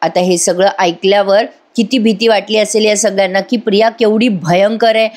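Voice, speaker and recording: A woman's voice: mid-range voice, fairly even intonation, normal speed, darkish tone. A woman giving a conversational voice-over recap of a TV serial, speaking straight to her viewers. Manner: conversational, addresses viewers directly. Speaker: TV serial reviewer. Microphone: voice-over microphone.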